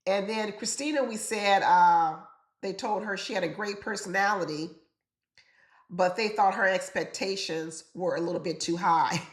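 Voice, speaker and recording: A reality TV commentator speaks directly to her viewers in a casual, opinionated, chatty way, sounding congested from illness. Her voice is medium-pitched at a normal pace, recorded in an echoey room.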